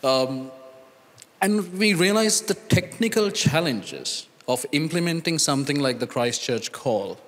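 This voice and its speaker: A man, speaking as a panelist at a conference, earnest and deliberate, pausing and restarting as he thinks, into a handheld mic on a large hall stage. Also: fairly high pitch. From Sri Lanka. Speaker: conference panelist, data scientist. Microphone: handheld microphone. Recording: reverberant conference hall sound.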